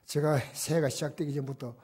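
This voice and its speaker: An older man preaching a sermon as pastor in a church, swinging between loud emphatic exhortation and soft, almost whispered asides. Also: a little high, steady tone, fairly quick, husky. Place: church sanctuary.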